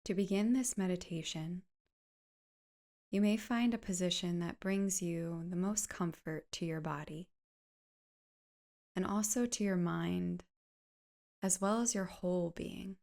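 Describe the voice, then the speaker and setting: In a low-leaning voice, a woman leads a guided meditation with soft, soothing gentleness. She lets her phrases unfold slowly, finishing them breathily.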